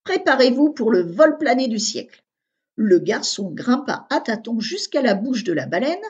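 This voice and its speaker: A woman narrating a children's story with a husky, fairly high voice and an expressive, animated reading. The recording sounds dull and lo-fi.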